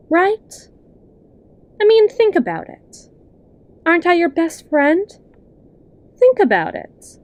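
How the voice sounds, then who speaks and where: In an ASMR roleplay, a woman voices a sly, possessive best friend, fully in character. Her fairly high, soft voice lingers over each phrase, slow and coaxing with drawn-out pauses, as she talks down to the listener like a hypnotist easing them under her control.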